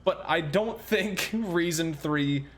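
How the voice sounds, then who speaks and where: A man's voice: fairly high pitch, takes it slowly, noisy background. A man giving exasperated, ranting commentary on a video game as a gaming video creator, swearing now and then.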